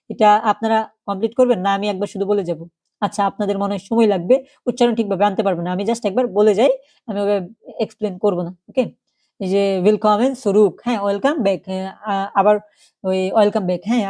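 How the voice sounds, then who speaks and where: A woman's voice: mid-range voice, dark tone. A woman teaching a recorded German class. She asks the class questions and repeats each German phrase twice. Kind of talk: recorded online language class.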